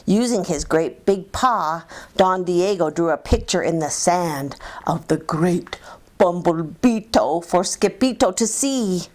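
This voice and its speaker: A woman reading a children's picture book aloud in an expressive, sing-song way. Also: fairly low pitch, slow. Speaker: storybook reader.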